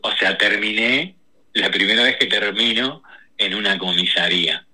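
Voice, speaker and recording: A man, a guest telling personal stories in a lively, slangy way with many restarts. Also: fairly low pitch, rough recording. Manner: animated, rushes through stories with slang and restarts. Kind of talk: casual personal storytelling.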